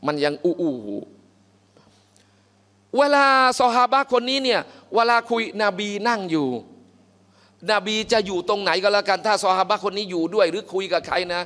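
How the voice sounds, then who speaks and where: High-voiced male teacher in a mosque. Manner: animated, acts out characters, quizzes listeners. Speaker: Islamic religious teacher. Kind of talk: Quran commentary lesson. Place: mosque hall. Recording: long hall reverb.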